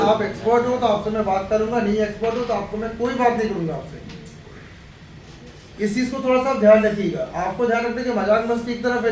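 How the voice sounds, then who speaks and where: High-voiced Indian man lecturing a class. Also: a little hiss or hum. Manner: humorous, chatty, addresses students directly. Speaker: computer institute teacher. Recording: echoey classroom, mic far off.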